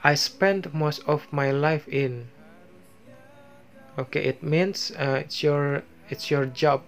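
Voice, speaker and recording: A man with an Indonesian accent and a high-leaning, steady voice teaches basic English phrases over slides, with soft music in the background. He goes slowly, reading and explaining each phrase before translating it, using many fillers in this bilingual lesson.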